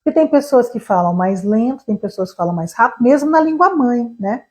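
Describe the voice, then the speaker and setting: A Brazilian woman teaching English online, fast, animated and emphatic, speaking straight to her viewers. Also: on the high side. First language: Portuguese.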